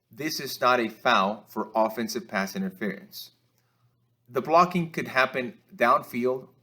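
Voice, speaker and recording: This is instructional film-review commentary: a man with a mid-pitched, sharp-toned voice explains game footage in a measured way. Small hesitations mark his progress through each point, much like a coach instructing officials.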